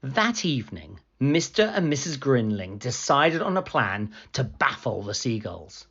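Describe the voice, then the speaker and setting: A woman reads a picture book aloud for children. Her low voice moves slowly and with plenty of melody. The recording is a little dull and lo-fi. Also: very animated, a bit bright, slightly rough. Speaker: storybook reader. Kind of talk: read-aloud children's story narration.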